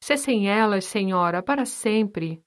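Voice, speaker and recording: A woman voicing a young orphan woman who speaks gravely and melancholy but firmly. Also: medium pitch, animated, a little slow, close to an everyday voice. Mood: dignified.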